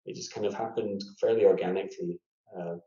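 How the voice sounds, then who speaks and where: A Scottish man, a scientist appearing as a guest in a casual interview, tells his story thoughtfully, with lots of fillers and restarts. His voice sits low and warm, with fairly even intonation and a fairly quick pace. The audio is dull and lo-fi, captured in an echoey room.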